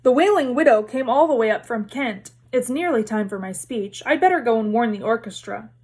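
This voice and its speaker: Woman as a stiff, proud gentleman ghost. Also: fairly high pitch, lively intonation, a little fast, husky. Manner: stiff, pompous. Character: proud, easily wounded, formal gentleman ghost.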